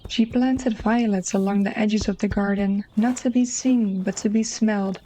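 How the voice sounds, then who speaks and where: A woman with a Dutch accent narrating a literary short story in a soft, mellow voice. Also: mid-range voice, steady tone, moderate pace, slight background noise, rough recording.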